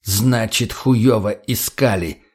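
A man's voice: fairly low pitch, takes it slowly, darkish tone, slightly rough. A man voicing a menacing, foul-mouthed male mage who snarls and hisses his threats. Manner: snarling, hissing threats, swearing.

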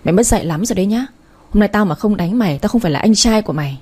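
A woman's voice: mid-range voice, animated, racing, mellow, breathy edge. Woman doing a slurring drunk bully brother. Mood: drunken bullying. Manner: slurred, belligerent.

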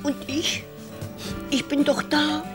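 A woman's voice: sits high, little pitch movement, takes it slowly, music in the background. A woman voicing a tiny winged grandma creature in a radio play, asking eager childlike questions. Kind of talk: radio drama acting.

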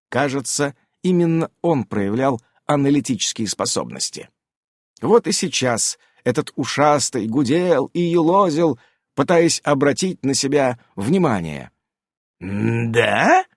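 A man reading an audiobook as narrator with expressive, varied intonation. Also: mid-range voice, no room sound, studio quality.

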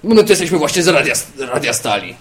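A man improvising a comic role-play character on a podcast, talking in a chatty, musing way with drawn-out asides. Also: a little high, very animated, a bit bright. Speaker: podcast co-host playing a character.

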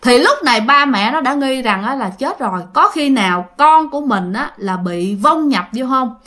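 A woman's voice: high-pitched, very animated, normal speed, sharp tone. A woman narrating a ghost story in a chatty way, often speaking directly to her listeners.

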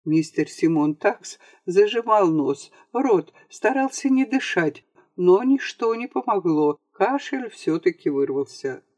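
An audiobook reader telling a comic story with a wry, theatrical touch. The pitch rises and falls a lot, and the dry home-studio voice-over has almost no echo. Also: expressive, slow, darkish tone. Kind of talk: scripted narration of a comic story.

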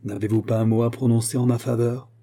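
A proud young servant speaks quietly and keeps his hurt under control, read by a man. The voice is very dark and slightly husky. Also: medium pitch, level tone, fast talker, close to an everyday voice.

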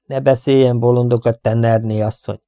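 A man voicing a stern, irritable captain who demands answers gruffly in an audiobook. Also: mid-range voice, little pitch movement, dark tone, dry recording, studio quality, close to an everyday voice.

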